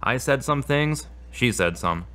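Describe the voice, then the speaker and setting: A man voices a self-doubting, troubled patient in therapy for a scripted audio drama, which also contains a spoken prayer. He talks a little slowly, with an animated, sharp-toned mid-range voice. The confessional, earnest delivery carries frustration and unease.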